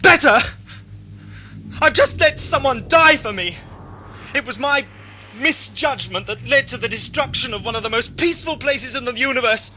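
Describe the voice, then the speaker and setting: An actor playing an anguished, self-blaming eccentric adventurer in an audio drama, theatrical and brooding with bitter outbursts. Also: male voice, extremely high pitch, animated, normal speed, bright, forceful tone, exaggerated voice. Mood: bitter anger. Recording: faintly noisy 1980s amateur audio tape.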